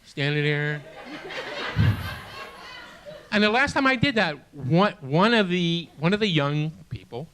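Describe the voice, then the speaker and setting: An older man in his late sixties doing stand-up on a small theater stage, his voice pitched a touch high and swinging widely as he tells his jokes. He stammers through restarts with a self-deprecating edge, and the audience laughs behind him. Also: lively intonation, fairly bright tone, clean tone. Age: 60s. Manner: halting, self-deprecating delivery with many restarts. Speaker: stand-up comedian. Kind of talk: stand-up comedy set.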